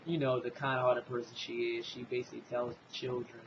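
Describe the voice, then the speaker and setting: A man's voice: medium pitch, level tone, fairly quick, muffled recording, noisy background. A man hosting a casual comic book review, retelling the story loosely with lots of fillers and "basically".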